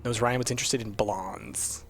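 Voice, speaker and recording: A man's voice: medium pitch, steady tone, normal speed, faint music behind. A young man casually thinking aloud while streaming a mystery game. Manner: thinks aloud, muttering and musing. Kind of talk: casual let's-play commentary.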